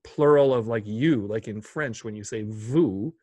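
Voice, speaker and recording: A man's voice: on the low side, unhurried, darkish tone, no echo. A man hosting a casual chat, curious and playful, stumbling over Spanish words while reading from an article. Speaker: host.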